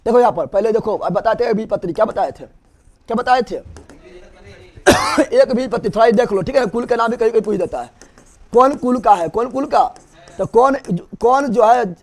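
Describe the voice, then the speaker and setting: A male teacher, giving a lesson that quickly quizzes the class and keeps repeating the key terms. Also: sits high, a little mellow. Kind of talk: classroom-style online lesson.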